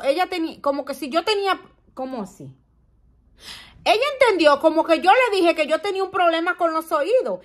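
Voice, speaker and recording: High-voiced woman vlogger. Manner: dramatic, exclamatory storytelling. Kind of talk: casual storytelling to viewers.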